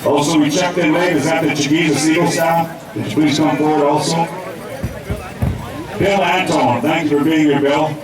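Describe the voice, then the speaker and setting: A man's voice: fairly high pitch, steady tone, moderate pace. Echoey male powwow emcee over outdoor PA. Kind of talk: powwow emcee announcing and thanking honored guests by name. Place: outdoors at a public gathering. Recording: echoey outdoor PA from far off, crowd.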